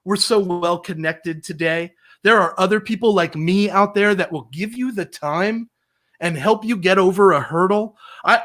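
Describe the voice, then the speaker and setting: Bright-voiced confident man. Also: high voice. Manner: confident, emphatic, demonstrates phone openers. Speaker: podcast guest, sales trainer. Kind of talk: casual interview talk.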